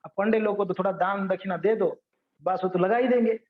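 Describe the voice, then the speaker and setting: A high-voiced man gives a devotional lesson and tells stories in an animated, conversational way. His voice sits high, and the recording is dull and roomy. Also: brisk. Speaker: devotional teacher.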